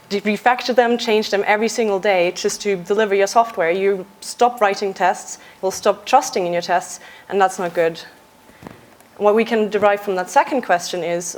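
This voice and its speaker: On a conference stage, a young Austrian software engineer speaks in a mid-range voice. Her talk is relaxed and gently humorous, dotted with uhs.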